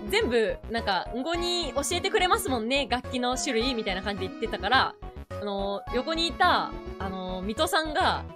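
A woman's voice: a little high, brisk, music in the background. A woman streamer in casual chat, telling a story animatedly and laughing often. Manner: animated, laughs a lot while recounting.

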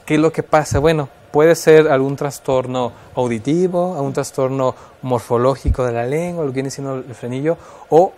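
Mexican guy on a radio show, explaining kid stuff, lots of ums and restarts, mid pitch. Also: normal speed, a little mellow. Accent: Mexican Spanish. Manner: thoughtful, explains with many fillers and restarts. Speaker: guest expert on child development.

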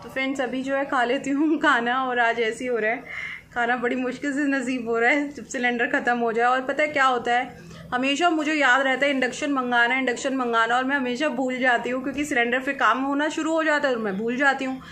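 A woman's voice: high-pitched, fairly even intonation, a little fast, pushed and bright, a little hiss or hum. A woman vlogging casually at home, chatting to the camera and teasing her pet dog in a playful sing-song way. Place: at home indoors.

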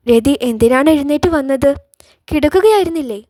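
A woman voicing a gentle young elder sister with a soft, soothing way of speaking in a storybook reading. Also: high voice, lively intonation, a little fast, no room sound. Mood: anxious.

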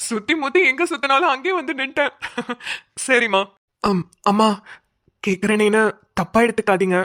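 A woman's voice: medium pitch, fairly bright tone, lightly acted. A woman voicing a poor, polite young man in a homemade cartoon. He speaks humbly and deferentially. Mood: shy.

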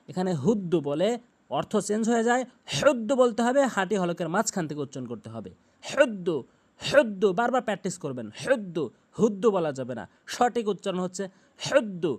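A man teaching Quran pronunciation, chanting each word slowly and drawn out, then explaining the sounds in plain speech. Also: high voice. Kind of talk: tutorial on Arabic pronunciation.

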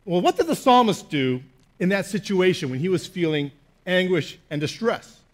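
A man's voice: sits high, very animated, normal speed. A man preaching a sermon as pastor, telling a story with animation and self-mockery and often checking in with "okay?".

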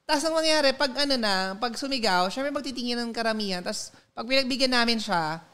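A man's voice: extremely high pitch, fairly quick, pushed and bright, clean tone. A man with a Filipino accent co-hosting a live podcast and telling stories in a casual, chatty way. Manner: chatty, storytelling, mixes English into Tagalog. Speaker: podcast co-host.

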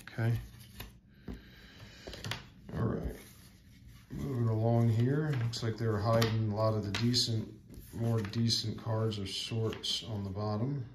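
Slow gravelly man sorting sports cards. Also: lowish voice, fairly even intonation, background noise. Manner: slow, mumbled reading of names with many fillers. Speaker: sports card vlogger. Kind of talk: casual card sorting commentary.

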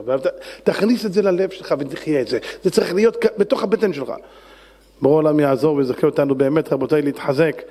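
Animated man preaching in a reverberant hall. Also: high-pitched. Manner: animated storyteller, acts out voices and shouts. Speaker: rabbi. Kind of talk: sermon.

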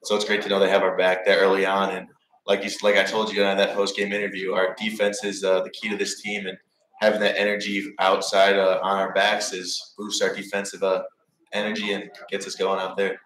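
Young male athlete guest, deep monotone, low-key, roomy bar sound. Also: fairly quick. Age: young adult. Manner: low-key, steady, polite. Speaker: college basketball player guest. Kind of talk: sports radio interview. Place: sports bar, indoors. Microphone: table mic.

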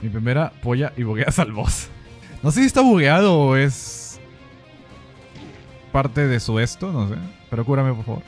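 Excitable Latin American streamer with lively pitch. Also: male voice, moderate pace, pauses often, faint music behind. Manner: excitable, laughing, repeats phrases and chants. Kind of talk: casual gameplay stream chat.

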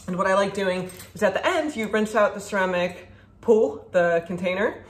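A woman's voice: mid-range voice, moderate pace. Chatty woman in an echoey kitchen. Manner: chatty and upbeat, demonstrating food while talking. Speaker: food vlogger. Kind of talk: casual product review. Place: home kitchen, indoors. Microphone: camera at a distance, standing at a counter. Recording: echoey kitchen with faint ambience.

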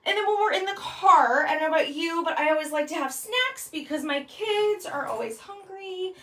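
This bag consultant, a woman in her thirties, chats cheerfully through a product vlog demonstrating bags, dropping frequent ums along the way. She speaks at a moderate pace in a very high, expressive, slightly bright voice. The recording comes from a small indoor room with noticeable echo and a distant microphone.

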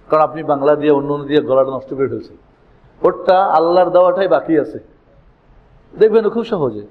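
A man teaching Arabic letters to an audience, chanting letter names loudly one by one and explaining points slowly. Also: a little high, muffled recording. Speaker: Quran teacher. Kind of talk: classroom lesson.

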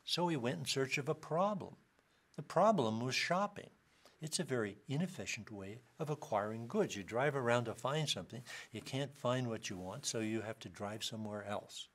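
A man's voice: mid-range voice, lively intonation, normal speed, fairly bright tone. A man giving a university lecture, explaining ideas with dry wit and reading out short quotations.

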